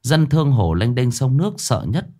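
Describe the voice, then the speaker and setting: A man telling a first-person ghost story in a lively, dramatic way. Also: medium pitch, normal speed. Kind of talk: scripted ghost story narration. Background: faint music.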